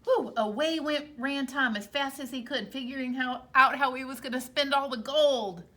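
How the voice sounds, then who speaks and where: In a high, sharp-toned voice, a woman reads a storybook expressively to children as a teacher might, breaking off to explain points to her young listeners.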